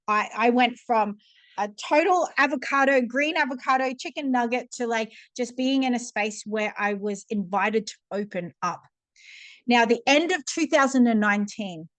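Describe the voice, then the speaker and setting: A woman in her thirties, a coach telling a personal story in casual, animated talk with many restarts and fillers. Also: fairly high pitch, no echo.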